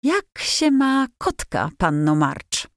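A woman voicing a shy, well-mannered teenage boy in a storybook reading, courteous and gently amused. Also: a little high, big pitch swings, slow, dry recording, studio quality, voice pushed up, exaggerated voice.

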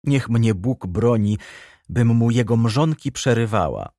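A man reading the part of an ironic, haughty baroness in an audiobook, raised in pitch and teasing. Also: expressive, measured pace, dark tone, dry recording, studio quality. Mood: mocking. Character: ironic aristocratic baroness, adult woman, haughty.

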